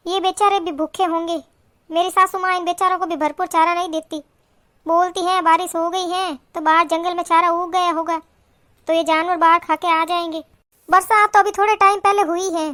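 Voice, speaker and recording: A woman voicing a kind, patient elder daughter-in-law in a family cartoon who speaks gently and reasons things through. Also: extremely high pitch. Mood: caring. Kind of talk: cartoon voice acting.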